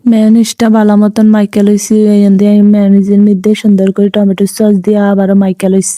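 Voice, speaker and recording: Narrating her home cooking video in a casual voice-over, this Bangladeshi vlogger speaks in a Chandpur Bengali dialect, chatty, meandering and self-deprecating. Her mid-range, mellow voice moves quickly with a totally flat delivery. The sound is studio-clean and echo-free.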